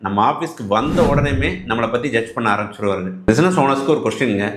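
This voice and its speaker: A man's voice: medium pitch, animated, quick pace, roomy sound, background noise. A man with a Tamil accent giving business advice straight to his viewers, asking them rhetorical questions in polite, colloquial speech. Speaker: business coach. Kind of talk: direct-to-camera business advice.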